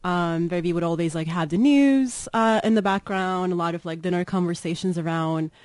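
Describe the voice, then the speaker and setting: A Turkish woman, a political science professor appearing as a guest expert, answers informally in a Turkish accent, often saying "like" and "kind of." Her voice is on the low side and a little mellow, at a moderate pace, with no room sound.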